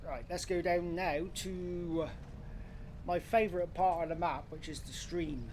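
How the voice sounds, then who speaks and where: A man's voice: fairly high pitch, steady tone, a little slow, darkish tone, slight background noise. A man with a blokey, matey way of talking, giving casual livestream commentary on a game. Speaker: live streamer.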